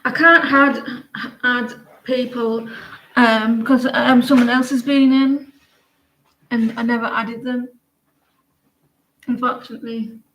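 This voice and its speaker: A woman giving a casual live tarot reading, chatty and halting, often trailing off and restarting. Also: fairly high pitch, steady tone, a bit bright. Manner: chatty, halting, sings snatches of songs between readings. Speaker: tarot reader. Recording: echoey room, faint noise.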